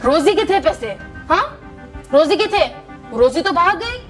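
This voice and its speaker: A woman's voice: very high-pitched, lively intonation, a little slow, soft background music, exaggerated voice. A woman voicing an angry scolding father. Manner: shouting, scolding, interrogating. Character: stern angry father scolding his young daughter. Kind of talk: doll-story role-play.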